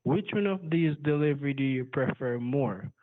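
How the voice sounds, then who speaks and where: A man with a Jamaican accent, pitching slowly and deliberately over a landline phone. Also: lively intonation. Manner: slow, deliberate salesman pitch. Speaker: scam caller. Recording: tinny phone line.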